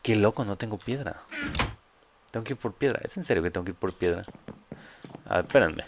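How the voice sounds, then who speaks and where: A man's voice: on the low side, lively intonation, brisk, noisy background. A man with a Mexican accent giving casual, joking let's play commentary full of crude slang. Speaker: gamer host.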